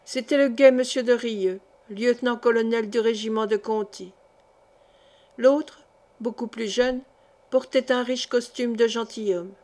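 A woman's voice: a little high, steady tone, a little slow, darkish tone. Woman reading a historical novel aloud. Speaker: audiobook reader. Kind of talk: literary audiobook narration.

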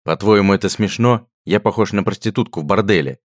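A gruff male hunter, played by a narrator in his own low register, snappish and curt. Very deep voice, recorded close and dry. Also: a little fast, no echo, lightly acted. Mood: irritated.

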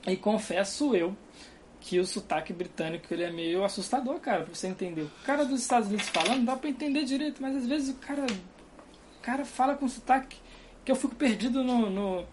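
Here a young Carioca guest from Brazil rambles through a casual conversation in his dorm room, laughing frequently. The voice is high, animated and quick, a little mellow, with some light background noise.

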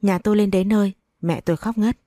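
A woman reading a first-person story aloud in an even, unhurried narrating manner. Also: mid-range voice, dry recording, clean studio sound. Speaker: audiobook narrator.

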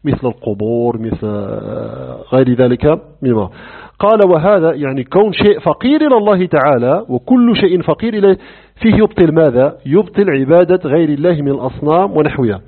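Heard on a narrow lo-fi line that sounds like a phone, a man with a fairly high, husky voice and vocal fry teaches creed briskly. As a religious teacher, he stays animated, throwing out rhetorical questions and performing dialogues.

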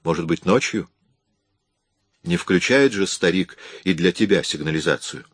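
A man's voice: low voice, expressive, normal speed, husky, no echo, studio quality. A man reading an audiobook, voicing a hard, impatient young male burglar who asks curt, pressing questions.

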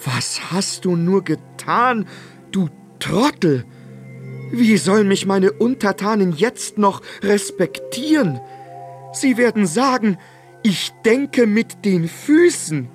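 A man voicing a blustering, hot-tempered fairy-tale king who shouts his demands. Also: high voice, big pitch swings, takes it slowly, soft background music, pitched above the performer's own voice, exaggerated voice. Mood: furious. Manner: loud, bellowing, demanding.

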